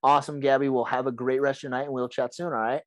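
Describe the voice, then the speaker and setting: A young man hosts a casual podcast chat, his voice raspy and hoarse because he is sick. He talks fast in a mid-range, level tone, rambling with lots of "like" and restarts.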